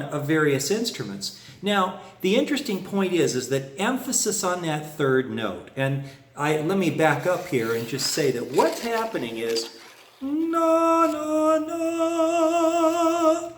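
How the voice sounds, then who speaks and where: A man's voice: a little high, sing-song, normal speed, echoey room. A man teaching a harmonica lesson in a folksy way, humming phrases on "na" to show them. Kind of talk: music lesson explanation.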